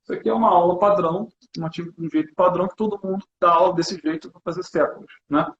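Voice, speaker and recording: A man's voice: high-pitched, quick pace, echoey room, lo-fi sound, a little hiss or hum. A man from Brazil, a teacher, chatting casually and animatedly while demonstrating classroom materials, often adding "né". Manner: animated, hands-on, chatty with fillers like "né". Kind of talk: casual conversation.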